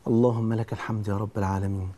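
A man's voice: lowish voice, little pitch movement, very fast, mellow. A man with an Egyptian Arabic accent preaching a sermon, earnest and speaking straight to the listener with repeated pleas.

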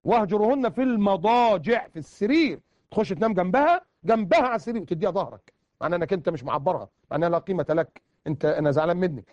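Egyptian guy preaching super fast, kinda high voice, keeps repeating stuff for emphasis, dull dry lo-fi audio. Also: lively intonation, darkish tone, no room sound. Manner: emphatic, repeats words for stress. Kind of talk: colloquial sermon.

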